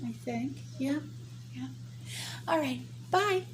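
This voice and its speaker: Female vlogger, emphatic and plainspoken, unhurried delivery with very lively intonation. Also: high voice, a little hiss or hum. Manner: blunt, emphatic, sweary, folksy. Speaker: vlogger addressing channel viewers. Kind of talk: casual opinionated vlog talk.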